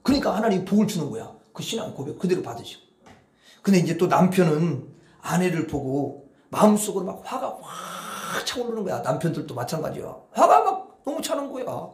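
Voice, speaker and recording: A man preaching a sermon as pastor, drawing the congregation into call-and-response and swinging between hushed murmurs and loud outbursts. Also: high-pitched, sing-song, a little fast. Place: church sanctuary. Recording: echoey church hall.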